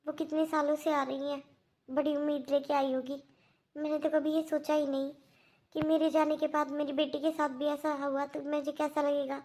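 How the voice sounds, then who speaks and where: A woman voicing a middle-aged mother-in-law who speaks quietly and apologetically in a cartoon. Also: sits high, little pitch movement, moderate pace, slight background noise, close to an everyday voice. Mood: remorseful.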